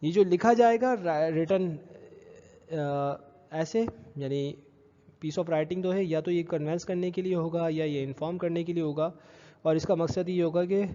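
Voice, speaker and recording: Male college teacher, slightly high mellow voice, patient slide-lecture delivery, lo-fi echoey sound. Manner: explains slowly, repeating terms in two languages; checks understanding with short questions. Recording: dull lo-fi echoey room.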